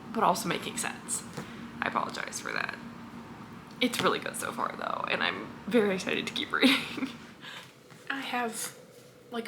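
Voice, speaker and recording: A woman's voice: mid-range voice, noisy background. A young woman in her twenties chatting casually in a reading vlog, gushing and filler-heavy. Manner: chatty and gushing, full of "like" and "literally". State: slight lisp from a retainer. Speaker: book vlogger.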